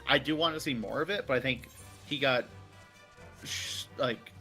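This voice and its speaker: Bright-voiced man rambling with "like". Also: medium pitch, moderate pace, soft background music. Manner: rambling, heavy "like" filler, casual swearing. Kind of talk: casual gaming chat.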